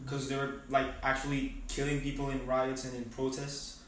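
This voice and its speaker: A teenage boy from Venezuela gives casual, hesitant interview answers, full of fillers and restarts. His mid-range voice is monotone, with a moderate pace. The recording has an echoey room, a distant mic, and slight background noise.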